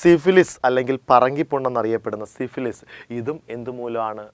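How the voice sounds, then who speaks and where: A man's voice: a little fast, no room sound. A man teaching an exam coaching lesson, drilling each point by asking a question and answering it himself. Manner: emphatic, rises and drops sharply in pitch and volume. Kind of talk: classroom lecture with call-and-response drilling.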